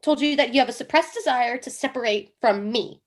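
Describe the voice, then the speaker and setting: A woman's voice: fairly high pitch, fairly quick, natural voice. A woman reading the role of an earnest wife devoted to dream analysis, with an emphatic, theatrical delivery in a comic play reading. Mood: agitated.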